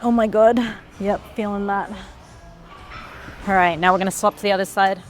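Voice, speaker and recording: In a gym, a woman fitness vlogger talks through her exercises as she performs them, slightly winded and letting out effortful sighs and exhales. Her voice is medium in pitch, steady in tone and normal in speed, with faint music playing behind her. It's casual workout instruction.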